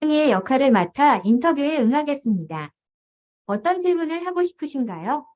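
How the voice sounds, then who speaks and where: A woman's voice: high-pitched, very animated, moderate pace, a little mellow. A woman's synthetic text-to-speech voice playing a polite green cat from a children's story, formal and sing-song, played back in dull lo-fi sound. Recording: dull lo-fi playback.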